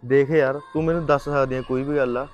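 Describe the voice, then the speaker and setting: A man's voice: mid-range voice, steady tone, fairly quick, muffled recording, faint music behind, close to an everyday voice. A young man in a short film playing a caring college friend who reassures her. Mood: concerned. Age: young adult.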